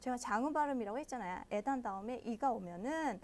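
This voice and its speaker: A woman's voice: on the high side, lively intonation. A woman teaching a language lesson, explaining patiently step by step and checking in with her listeners often. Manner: models pronunciation slowly and loudly.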